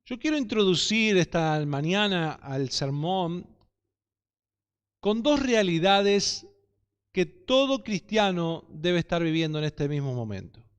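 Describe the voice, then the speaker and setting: A man with an Argentine Spanish accent preaches a sermon, breaking in with frequent amens. His voice sits high and rings smooth and clear. A long church-hall reverb follows each phrase. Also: animated, takes it slowly. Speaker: pastor.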